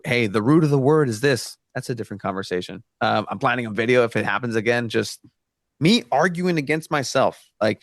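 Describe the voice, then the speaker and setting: Here a guest on a casual podcast, a Mexican man who grew up speaking Spanish, comes across as earnest, with plenty of fillers and restarts. He has a mid-range, fairly bright voice. There's no echo, and the studio sound is clean.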